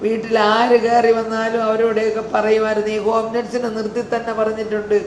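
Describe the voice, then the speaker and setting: An elderly woman crying as she haltingly recounts family grievances, repeating her words. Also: a little high, completely flat delivery, a little mellow, reverberant, slight background noise, low-quality recording. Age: older. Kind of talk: emotional personal account.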